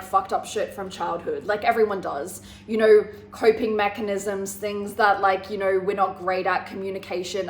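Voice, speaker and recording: A woman giving casual relationship advice to her viewers, blunt and sweary, often checking in with "okay?" and "guys". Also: medium pitch. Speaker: relationship vlogger. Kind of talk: casual advice monologue to camera. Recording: echoey room with faint background hiss.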